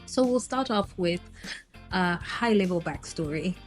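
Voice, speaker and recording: This travel vlogger, a woman from Zimbabwe in roughly her thirties, talks to camera in a casual, wandering way full of ums. Her lowish voice is animated and a little slow, with faint music behind her, captured on a new personal microphone set.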